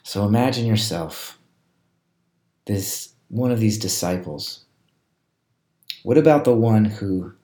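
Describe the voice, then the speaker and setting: A man leading a guided scripture meditation, reading a passage and then asking reflective, gentle questions. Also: fairly low pitch. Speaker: prayer leader. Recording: roomy echo.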